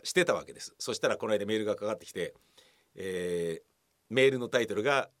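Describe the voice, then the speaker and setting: A middle-aged man hosting a casual radio talk show, telling stories and acting out the other people in them with animated voices. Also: on the low side. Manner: animated storytelling, mimicking voices. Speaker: radio host.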